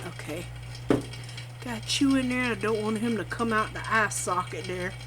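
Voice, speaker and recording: A woman demonstrates crafts informally, narrating to herself in a folksy way as she works. She has a mid-range voice at a moderate pace, and machine noise from a vacuum pump runs in the background.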